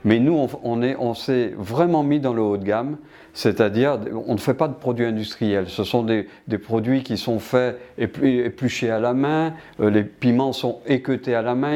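A man's voice: mid-range voice, warm tone. An older man from Martinique answering interview questions about his business, hesitant with many restarts.

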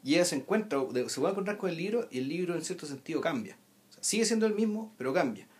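A man's voice: fairly high pitch, expressive, very fast, a little mellow. A man with a Chilean accent, explaining a film emphatically in a casual discussion. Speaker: film commentator.

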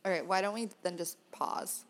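A woman's voice: mid-range voice, normal speed. A woman co-hosting a podcast in casual chat, full of fillers and restarts, sometimes jumbling her words. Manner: chatty, filler-heavy, trips over words. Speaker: podcast co-host.

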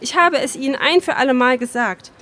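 A woman reading the part of a gentle, kind young woman from a wealthy family, speaking mildly and a little timidly. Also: high voice, brisk.

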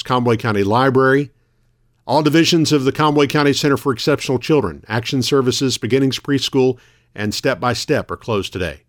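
A man hosting a local radio morning show, reading news announcements in a measured, orderly way from a studio. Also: medium pitch. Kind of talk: radio news announcing of weather, closings and notices.

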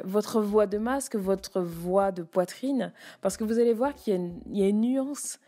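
Female voice coach, relaxed and mellow, explains and demonstrates vocal registers over faint music. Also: medium pitch. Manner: demonstrates chest, mask and head voice. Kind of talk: spoken voice lesson.

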